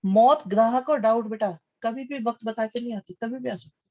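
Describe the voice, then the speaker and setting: A man's voice: extremely high pitch, brisk, darkish tone. Guy teaching a maths class online, reads out kids' names and says well done, muffled lo-fi sound. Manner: calls students "beta", reads out names and praises answers; conversational, repeats questions back to the class.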